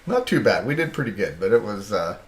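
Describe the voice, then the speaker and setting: Man, lowish voice, casual live-stream chat, rambling, chuckles often, echoey room. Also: sing-song, fairly quick.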